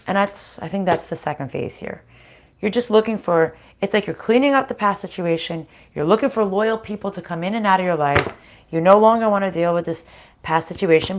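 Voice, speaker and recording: This card reader's voice is fairly low and slightly hoarse, groggy from a recovering sinus infection, with a faint hiss or hum in the audio. She gives her live spiritual reading casually, pausing and musing conversationally.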